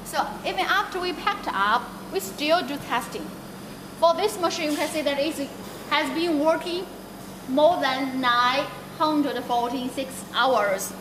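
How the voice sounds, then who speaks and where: In an echoing, noisy factory hall, a young woman with a high voice guides viewers through production and the warehouse. She talks a bit slowly, pointing things out and explaining each step.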